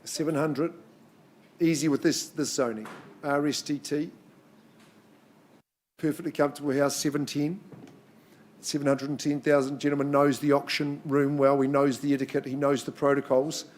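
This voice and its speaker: A male auctioneer with a slightly high voice runs a live property auction. He calls bids in short, repeated numbers. Between the calls he drops in chatty patter to the bidders. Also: level tone, moderate pace, long pauses, a little mellow. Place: in-room auction.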